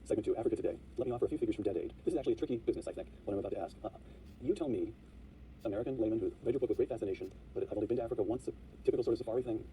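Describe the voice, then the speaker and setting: Fast-talking male interview host, dark voice. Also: fairly low pitch, far from the mic, a little hiss or hum. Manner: probing, reads quotations, interjects often. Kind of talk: interview questions.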